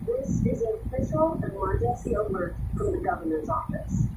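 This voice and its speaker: Casting: actress as urgent newsroom woman for radio drama, emphatic, very mobile pitch, distant noisy recording. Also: huge pitch swings, normal speed, echoey room. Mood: official, stern. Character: tense female radio newsroom co-host and alert announcer.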